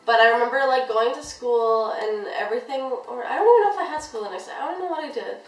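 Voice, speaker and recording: A young woman chats through a storytime video and keeps saying "like" as she rambles. Her voice sits a little high. She is heard a bit off the mic in a room full of echo. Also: lively intonation, fast talker, distant mic. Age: young adult. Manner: chatty, rambling, heavy use of "like". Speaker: vlogger. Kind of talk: casual storytime chat.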